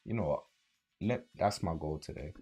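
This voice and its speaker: Young male streamer, London accent, low husky voice, rambling chat, faint music behind. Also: moderate pace. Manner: relaxed, rambling, many fillers and restarts. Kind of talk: casual livestream chat with viewers.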